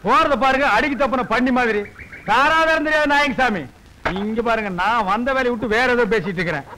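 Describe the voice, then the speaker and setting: An actor playing a middle-aged village barber uncle in a film, ranting and mocking loudly. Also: male voice, very high-pitched, slight background noise, poor audio. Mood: scolding. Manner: loud, fast, mocking comic rants. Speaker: comic uncle.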